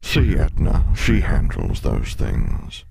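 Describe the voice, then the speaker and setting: A vast, ancient male sphinx speaks in a deep, booming voice, as a narrator puts him on. His scornful, mocking words sit in a mellow, dark tone, like a monster in an audiobook who fears nobody. The speech comes loud and unhurried. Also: big pitch swings, gravelly, husky, no echo, full character voice. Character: huge menacing male sphinx, lion-bodied, mocking, ancient. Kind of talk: audiobook character voice.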